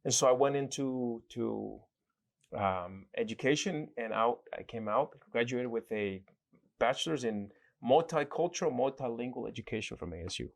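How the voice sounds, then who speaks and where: A man from El Salvador talks through his story as an interview guest. He speaks at a middling pitch, pauses often, and circles back to restart his sentences in a reflective, conversational way. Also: animated, gravelly.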